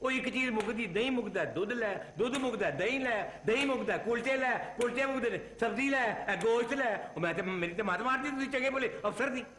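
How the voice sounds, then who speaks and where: A man's voice: very high-pitched, fast talker, hardly any pauses, fairly bright tone, reverberant, slight background noise. An actor playing a grumpy, scolding retired father in an old TV drama. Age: older. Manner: grumbling, scolding, sarcastic. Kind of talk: 1980s TV drama acting.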